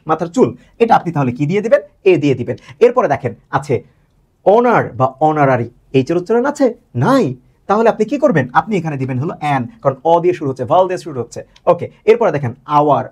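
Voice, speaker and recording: A male teacher explains grammar to his students in a quick, animated voice that jumps up and down in pitch. His voice is slightly husky, and he keeps posing questions, then answering them himself, repeating key words to drive them home. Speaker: English teacher.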